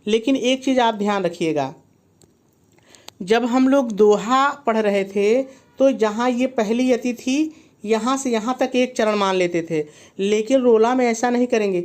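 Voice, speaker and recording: Slow, methodical male Hindi teacher. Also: extremely high pitch. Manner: slow, methodical counting aloud; guides with frequent "see" and "okay" prompts. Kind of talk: online grammar lesson.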